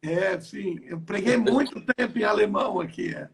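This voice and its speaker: Testifying in an online interview from home, an older Brazilian apostle and pastor from the south repeats himself and restarts his phrases. His voice is high-pitched and creaky, with a moderate pace.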